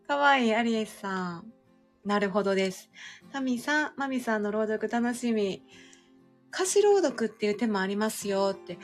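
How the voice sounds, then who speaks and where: A woman with a Kansai accent co-hosting a casual couple's live stream, chatty and quick to laugh as she reads out listener comments. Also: on the high side, expressive, faint music behind. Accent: Kansai Japanese. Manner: chatty, laughs easily, frequent backchannel nods.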